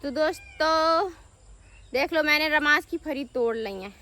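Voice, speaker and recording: A woman's voice: high-pitched, sharp tone. A young woman vlogging casually from her village home, chatting to her viewers as friends. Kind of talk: casual vlog narration. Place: village home, rooftop and fields, outdoors.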